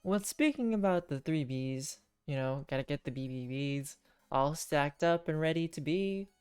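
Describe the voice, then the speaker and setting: A woman casually commentating as she hosts a game livestream, playful and often halting as she thinks aloud. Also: low-pitched, lively intonation, darkish tone, clear, resonant tone, soft background music. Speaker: game streamer hosting a viewer voting game.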